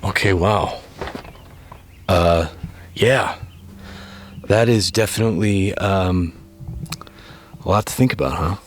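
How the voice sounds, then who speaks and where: Very deep-voiced, thoughtful male host. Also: a little hiss or hum. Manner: thoughtful, deliberate, halting. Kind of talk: reflective interview and casual musing.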